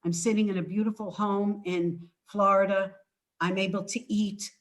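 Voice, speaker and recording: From her home, an older woman presents her book in an informal talk over a video call. Her mid-range voice keeps a fairly even intonation, though her delivery is halting and emphatic.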